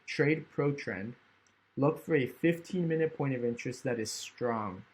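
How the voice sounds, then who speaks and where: A man casually walking through trading charts on screen, thinking aloud and often checking in with "right?". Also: medium pitch. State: hiccups. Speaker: trading educator. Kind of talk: screen-recorded chart walkthrough.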